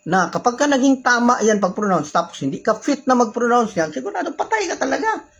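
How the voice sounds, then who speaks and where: Husky high-voiced Filipino man teaching. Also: sing-song, quick pace, fairly bright tone, low-quality recording. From Philippines. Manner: mixes Tagalog and English, polite po, rhetorical questions. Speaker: community religious teacher. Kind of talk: casual religious teaching.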